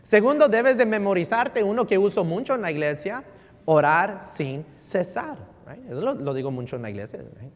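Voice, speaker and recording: A male pastor preaching a sermon in a church, mixing Spanish with English and often checking in with "right?", shifting between loud emphasis and near-murmurs. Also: high-pitched, big pitch swings, moderate pace. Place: church sanctuary. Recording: long reverb in a large hall.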